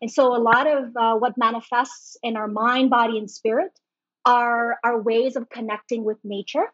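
A middle-aged woman from Hong Kong, a guest on a podcast interview, explaining things warmly and laughing easily. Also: a little high, fairly even intonation, normal speed, no echo. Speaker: guest, BaZi reader and feng shui master. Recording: dull lo-fi, dry.

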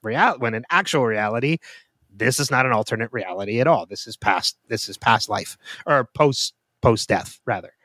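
Relaxed and quick to laugh, a man co-hosting a podcast mulls over a TV episode out loud in easygoing conversation. His voice sits at a medium pitch, his pace is moderate, and the clean studio sound has no room echo.

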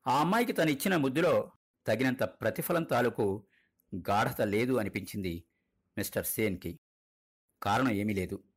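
A man tells a story aloud in a scripted narration. His husky voice lifts and sinks with the action. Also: lowish voice, lively intonation, moderate pace, pauses often.

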